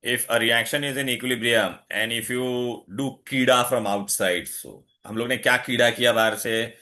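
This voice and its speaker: A man's voice: medium pitch, fairly even intonation, rapid-fire, bright, forceful tone. A man with an Indian accent teaching an online lesson, insistently asking questions and switching between English and Hindi. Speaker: chemistry teacher.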